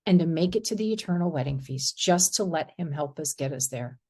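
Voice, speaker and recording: A woman's voice: low-pitched, animated, darkish tone, husky. Earnest woman sharing faith testimony. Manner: earnest, halting, laughs often. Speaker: faith group participant. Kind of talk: personal testimony in group discussion.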